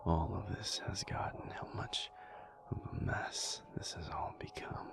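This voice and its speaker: In an intimate audio roleplay, a man voices an alpha werewolf who is tender, weary and protective. He speaks in his natural voice, low and breathy and often whispered, moving slowly and haltingly as he gently reassures.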